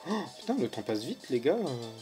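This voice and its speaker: A man's voice: mid-range voice, very animated, moderate pace, warm tone, soft background music. A young man doing casual let's play commentary, joking and swearing at characters while reading their lines aloud. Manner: joking, swears at game characters, reads dialogue in silly voices.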